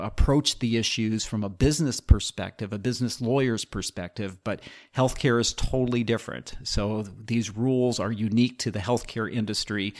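Lower-voiced man explaining law methodically. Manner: methodical, explanatory, occasional restarts. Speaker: podcast host, healthcare attorney. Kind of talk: solo podcast explainer.

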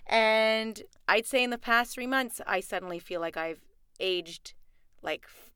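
A woman's voice: fairly high pitch, unhurried, fairly bright tone, smooth, dry recording, clean studio sound. A woman in her late forties, a podcast guest speaking reflectively and searching for words in a casual chat. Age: late 40s.

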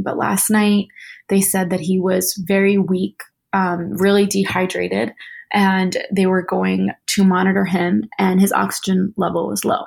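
Young New woman, chatty, candid storyteller, mid-pitched voice. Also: vocal fry, a little mellow. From New York. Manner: chatty, fills speech with "like", acts out family members' lines. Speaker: guest sharing a personal story.

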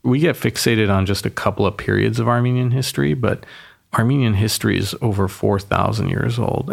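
A man's voice: fairly low pitch, vocal fry. A man, a mayor who grew up in Boston and Yerevan, talking passionately and at length as an interview guest. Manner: passionate, talkative, explains at length. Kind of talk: casual interview conversation.

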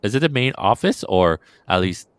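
Deep, smooth-voiced male host, dry close sound, meandering questions. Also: big pitch swings, moderate pace, dry recording. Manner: rambling, filler-heavy questions. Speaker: interview host. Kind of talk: podcast interview.

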